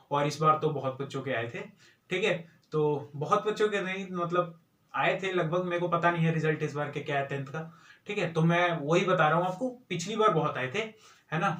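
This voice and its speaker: A man's voice: high-pitched, a bit bright, reverberant, far from the mic. A young man giving earnest, repetitive study advice to students in a motivational talk. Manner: earnest, repeats points for emphasis.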